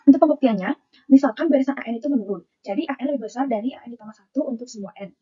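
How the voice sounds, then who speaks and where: A woman's voice: fairly high pitch, rapid-fire, husky, lo-fi sound. A young woman, a university student, reads her math lecture notes aloud and works through the formulas one term at a time.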